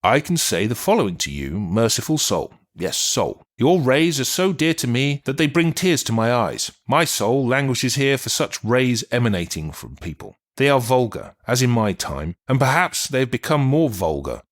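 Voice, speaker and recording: A man's voice: mid-range voice, very animated, moderate pace, hardly any pauses, natural voice. A man reading as the melancholy spirit of a dead writer and doctor, rueful and apologetic in an audiobook. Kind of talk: audiobook reading of a channeled letter.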